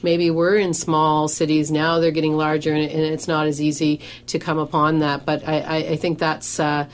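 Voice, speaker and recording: A middle-aged professional organizer and coach talks on a radio show in a low voice with flat delivery at normal speed, over a little hiss or hum. She says she has a big voice that carries, and she's conversational, full of "you know" fillers and restarts.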